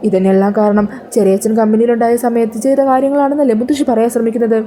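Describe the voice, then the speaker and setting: A woman voicing a scheming woman in a serial recap who fakes concern with shrill exclamations. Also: fairly even intonation, quick pace, dark tone, slight background noise, natural voice. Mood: needling. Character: scheming sly woman feigning sympathy.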